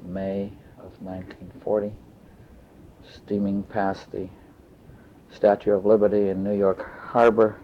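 An older man from Austria, recalling his life story in a measured, matter-of-fact way, pausing to search for words. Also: fairly low pitch, a little mellow, a little hiss or hum. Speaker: interviewee. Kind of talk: oral history recollection. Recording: dull lo-fi tape recording.

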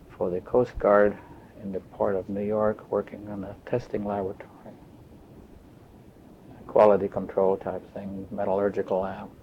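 An older man from Austria, recalling his life story in a measured, matter-of-fact way, pausing to search for words. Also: lowish voice, a little hiss or hum. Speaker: interviewee. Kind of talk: oral history recollection. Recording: dull lo-fi tape recording.

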